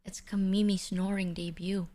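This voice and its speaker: A woman's voice: medium pitch, little pitch movement, moderate pace, dark tone, a little hiss or hum. A woman streamer whispering in chatty, casual conversation.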